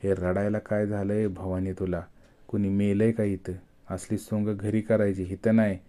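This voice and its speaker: A man voicing a harsh, bullying male police officer who barks orders in a gruff tone. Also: on the low side, flat delivery, moderate pace, mellow, close to an everyday voice.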